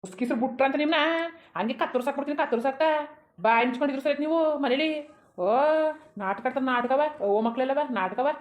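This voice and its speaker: A woman's voice: high-pitched, lightly acted. A woman voicing a drunk, abusive middle-aged village father who snarls threats, for a cartoon. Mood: angry. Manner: snarling threats, rapid scolding.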